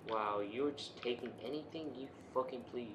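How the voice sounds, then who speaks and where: A man with a mid-range voice at normal speed plays a video game, chatting casually in a co-op gameplay session and jokingly talking to the characters. The recording has a roomy echo and background noise.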